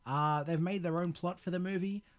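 A man's voice: high-pitched, steady tone, moderate pace. A man co-hosting a podcast in casual, slangy banter, with a sarcastic, joking manner. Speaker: podcast co-host. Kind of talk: casual banter reviewing a video game.

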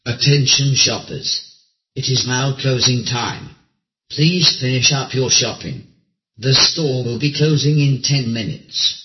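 Store announcer over the loudspeaker, voiced by a man, flat and formal, slow and even, muffled with steady noise and clicks. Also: medium pitch, reverberant. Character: plain male store announcer.

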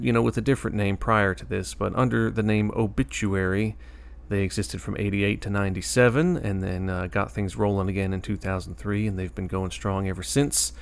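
A man hosting a music show in casual, conversational commentary, his tired, dry-throated voice carrying some vocal fry. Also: lowish voice.

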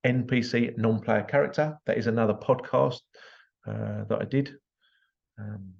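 A man's voice: fairly low pitch, fairly even intonation, moderate pace, creaky. A British man hosting a solo podcast, telling a story in a blunt, exasperated way. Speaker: podcast host. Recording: slightly dull lo-fi recording.

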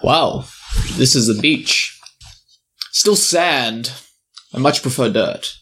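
Tabletop role: male player as deadpan trapped soul in orb form, musing, middle-pitched. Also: slow pace, slight background noise. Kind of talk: tabletop role-play acting.

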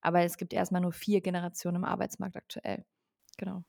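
A woman's voice: on the low side, monotone, quick pace, gravelly, a little mellow. A woman in her twenties, a company founder, speaking as a podcast guest and explaining fluently with frequent ähm fillers. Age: 20s. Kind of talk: podcast interview.

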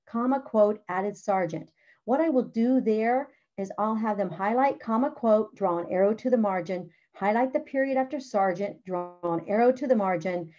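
A middle-aged woman teacher with a slightly high, darkish voice walks fellow teachers through a writing lesson from a curriculum she's presenting. Her instructional tone is practical and chatty, sprinkled with "all right" and "okay," and the audio sounds a bit dull and lo-fi.

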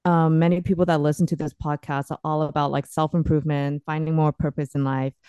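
A woman with a very low, mellow voice hosts a podcast. She talks in a chatty, enthusiastic way. Her voice sounds dry and close, with no room echo. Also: level tone, brisk, smooth. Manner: chatty, enthusiastic, laughs easily. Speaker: podcast host. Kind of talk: casual podcast hosting.

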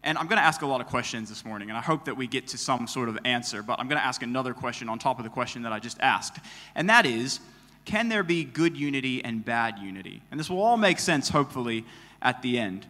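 A man's voice: medium pitch, animated, fast, bright, forceful tone. A man preaching a conversational sermon in an explanatory way, in a church hall. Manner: explanatory, rhetorical questions. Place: church hall, live before a congregation. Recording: long reverb of a hall.

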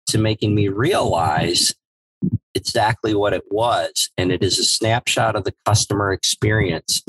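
Male podcast co-host, animated storyteller, low-ish voice, dry studio sound. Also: dry recording, rough recording. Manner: animated storyteller who acts out dialogue. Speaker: podcast co-host, former evaluator. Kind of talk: casual storytelling chat.

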